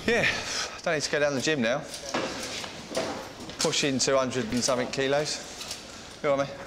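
A man's voice: medium pitch, normal speed. A man, an animal health officer chatting casually at work in a loading bay. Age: 40s. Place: large indoor loading bay. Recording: noisy loading bay, clicks.

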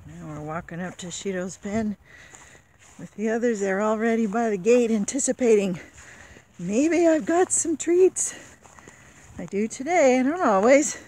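A woman's voice: a little high, lively intonation, measured pace, a little mellow. A woman keeping backyard chickens, chatting casually and unhurriedly as she walks the yard and talks to her hens. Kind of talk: casual walk-along narration. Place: outdoor yard and chicken pens. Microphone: handheld camera. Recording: noisy outdoor camera audio.

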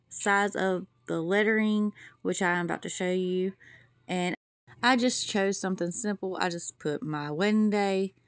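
Speaking in a lowish, clean voice, this woman vlogs and reviews products from her kitchen and living room at home. Her folksy, chatty manner includes addressing viewers as "y'all," and there's no room sound at all.

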